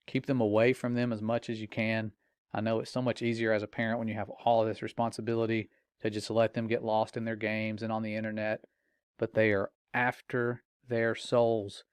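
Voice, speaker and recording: A man's voice: mid-range voice, clear, resonant tone, no room sound. A man earnestly warning other parents in a preaching, urgent tone. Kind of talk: earnest spoken warning to viewers.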